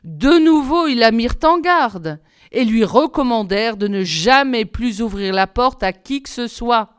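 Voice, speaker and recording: Woman, fairy tale reader, expressive, measured, smooth voice, dry close sound. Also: a little high, no room sound. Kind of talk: fairy tale read aloud.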